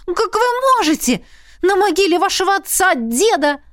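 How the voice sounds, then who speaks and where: A woman reading an audiobook, voicing a flustered young heroine who protests in a squeaky, shrill voice. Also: lively intonation, normal speed, fairly bright tone, dry recording, studio quality. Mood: protesting.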